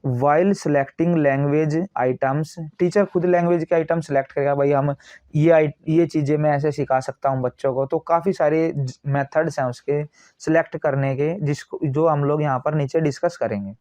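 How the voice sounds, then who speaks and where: A man teaching an exam coaching class, explaining in Hindi and reading English lines slowly with an Indian English accent. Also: a little high, fairly even intonation, warm tone, dry recording.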